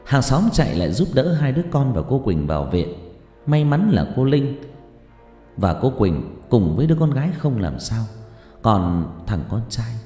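A man narrating a scripted horror story in a dramatic, expressive way. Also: medium pitch, moderate pace. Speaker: audiobook narrator. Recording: roomy reverb with faint music.

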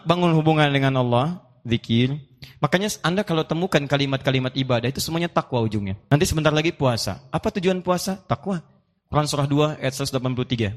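A man preaching a sermon to a live audience, playful and animated, acting out little dialogues and reciting Quranic verses. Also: on the high side, long reverb tail.

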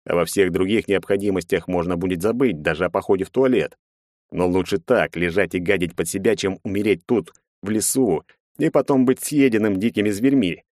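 Deep-voiced male audiobook narrator. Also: a little fast, a little mellow, no echo, studio quality. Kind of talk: first-person fantasy audiobook narration.

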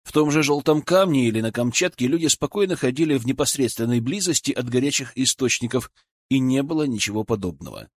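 Guy reading an audiobook, really animated, dry room. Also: mid-range voice, fast, no room sound. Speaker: audiobook narrator. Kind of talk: audiobook narration.

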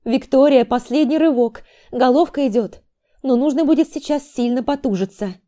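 A woman voicing a brisk middle-aged midwife who gives firm, urging commands. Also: sits high, dark tone, pitched above the performer's own voice, natural voice.

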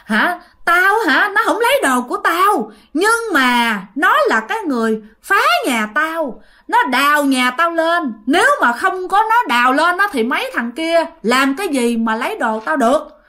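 A woman voicing a centuries-old male ghost who shouts threats in a very old-sounding voice. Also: high voice, expressive, moderate pace, pitched above the performer's own voice. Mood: furious. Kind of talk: told ghost story.

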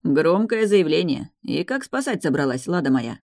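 A woman voicing a gentle, lovesick shapeshifting man in an audiobook reading, speaking slowly, softly and tenderly. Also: low-pitched, big pitch swings, no echo, clean studio sound, heavily acted. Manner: slow, soft and tender delivery.

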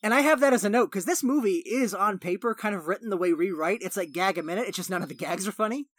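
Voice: mid-range voice, fast talker, fairly bright tone, no echo. Casual podcast co-host, opinionated, long asides, dry close-mic sound. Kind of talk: casual chat.

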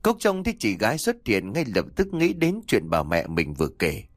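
A man narrating a ghost story in a dramatic, expressive way. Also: on the low side, moderate pace, dry recording, studio quality.

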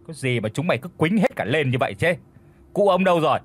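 Guy doing a shrill old lady of the manor, bossy, yells at the help, voice climbs way up. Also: lively intonation, brisk. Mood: scolding. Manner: scolding, wailing, crude threats. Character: imperious old village matriarch, shrill and bossy.

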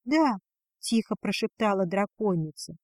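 A woman narrating a fantasy romance story in a soft, even reading voice. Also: a little high, measured pace, no echo, clean studio sound. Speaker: audiobook narrator.

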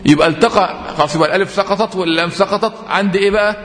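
A man with an Egyptian accent teaching Quran recitation rules, explaining patiently with lots of repetition and slowly drawn-out example readings. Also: high-pitched, fairly bright tone, faint music behind. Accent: Egyptian Arabic. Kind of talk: tajweed lesson. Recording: echoey room with long reverb.

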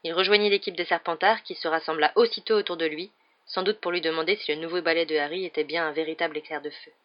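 A woman narrating an audiobook with an expressive reading. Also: low voice, quick pace. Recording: dull lo-fi recording.

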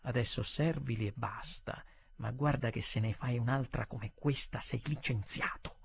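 A man reading aloud voices a stern restaurant manager who gives a warning in a low, hushed voice. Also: moderate pace, gravelly, a little hiss or hum, natural voice.

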